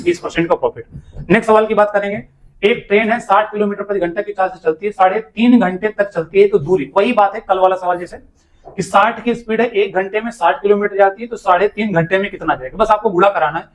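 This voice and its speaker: A male maths teacher leading an exam-prep lesson, patiently walking students through each step and asking them questions as he goes. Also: high voice. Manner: calls students "beta".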